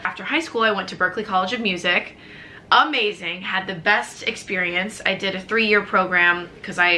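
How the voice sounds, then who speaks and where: A twenty-something American vlogger from the Chicago suburbs chats casually to camera, rambling and upbeat with plenty of fillers. Her voice is medium-pitched and bright with a forceful tone, over slight background noise.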